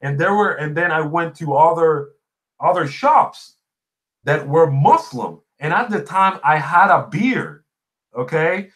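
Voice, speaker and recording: A man's voice: a little high, animated, unhurried, a bit bright. A man with a Puerto Rican accent and Spanish as his first language hosts a casual chat, telling stories emphatically and repeating phrases for effect. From Puerto Rico. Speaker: podcast host and small YouTuber. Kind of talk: casual chat answering live viewer comments.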